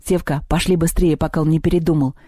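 A woman's voice: sits low, steady tone, fast, dark tone, breathy edge, no echo, studio quality. A woman voicing a lazy, sarcastic schoolboy in a storybook reading. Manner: lazy, indignant.

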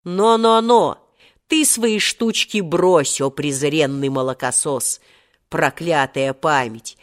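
A woman voicing an ancient, cunning and wrathful male genie in a storybook reading, with grand, booming threats. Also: slow pace. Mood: indignant boasting.

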